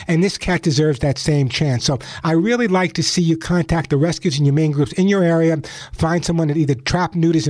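Chatty male radio host, fairly high voice. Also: darkish tone, no room sound, clean studio sound. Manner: chatty, direct address to listeners. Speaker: radio pet advice show host. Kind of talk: live call-in radio hosting. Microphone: close studio microphone.

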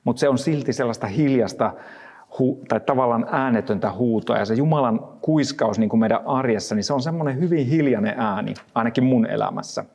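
A man giving a thoughtful Bible reflection, pausing often and restarting his words. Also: medium pitch, creaky, a little mellow, long reverb tail. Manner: thoughtful, halting, frequent restarts. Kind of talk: reflective Bible devotional talk.

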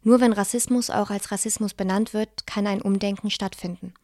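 A woman's voice: medium pitch, fairly even intonation, fairly quick, darkish tone, no echo, studio quality. Woman co-host reading a podcast script.

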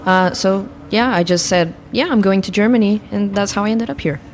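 A woman's voice: medium pitch, brisk, slight background noise. A woman, talking hesitantly on a student radio show in a studio. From Portugal. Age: 20s. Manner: hesitant, frequent "um" and "uh". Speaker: student guest. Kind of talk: casual radio chat.

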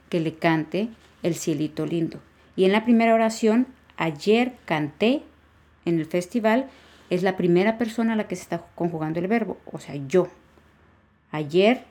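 A woman's voice: lowish voice, darkish tone. A woman hosting a podcast lesson, patiently explaining grammar with repeated examples. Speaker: Spanish grammar teacher, podcast host.

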